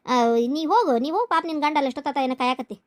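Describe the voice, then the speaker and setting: A woman with a North Karnataka Kannada accent, playing a scheming village housewife who gives hushed, bossy instructions. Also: high voice, animated, very fast. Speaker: scheming homemaker in a family skit. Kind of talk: village family drama acting.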